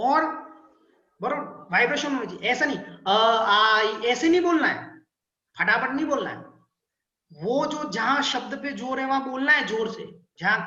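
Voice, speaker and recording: Man slowly chanting vowels, echoey. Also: very high voice, lively intonation, pushed and bright, highs cut off. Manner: patient, drawn-out chanting of vowel sounds; checks in often with "ठीक है ना". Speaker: spiritual teacher. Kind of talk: instructive talk leading a group chant.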